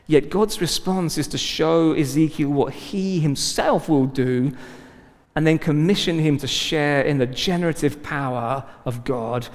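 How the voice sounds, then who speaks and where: A man preaching a sermon as pastor, emphatic and rising to loud exclamations. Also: a little high. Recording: long hall reverb.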